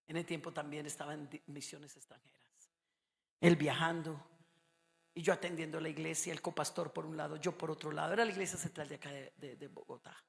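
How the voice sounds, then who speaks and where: A middle-aged woman from Colombia preaching a sermon, moving between hushed storytelling and loud, shouted exhortation. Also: low voice. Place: church. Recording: reverberant church hall.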